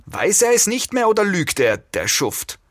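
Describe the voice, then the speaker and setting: A man voicing a monotone female kidnapper in an audiobook reading, flat at first and shrill when agitated. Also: normal speed, dry recording, clean studio sound.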